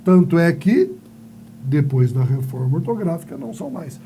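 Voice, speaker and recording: A man's voice: on the high side, expressive, moderate pace, warm tone, slight background noise. A male teacher giving a playful grammar lesson, asking and answering his own questions and telling silly stories.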